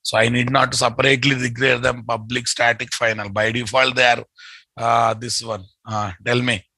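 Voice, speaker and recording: A man's voice: mid-range voice, level tone, normal speed, creaky, bright, forceful tone, husky, dry recording. A middle-aged man with a Telugu accent teaching a live online programming lesson, repeating phrases and prompting his students with familiar questions. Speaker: programming instructor. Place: indoor room at a computer.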